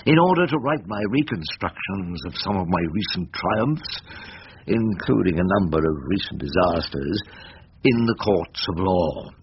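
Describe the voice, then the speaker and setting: Rumpole, a deep-voiced, elderly English barrister, narrates in the first person in a radio drama, wry, garrulous, irreverent and fond of quoting poetry. The older man's voice has lively intonation and a measured pace, his mood wry and reflective as he rambles theatrically with dry irony. The recording is dull and noisy.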